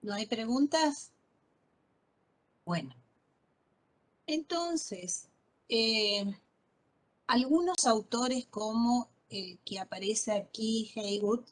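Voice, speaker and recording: Patient woman lecturing slowly. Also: on the high side, low-quality recording. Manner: patient, checks understanding with frequent "¿sí?". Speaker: botany lecturer. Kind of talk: online class lecture.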